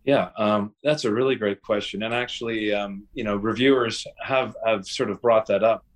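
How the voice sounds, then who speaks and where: Measured man with many fillers. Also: on the low side, fairly even intonation. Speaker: guest researcher. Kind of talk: podcast interview.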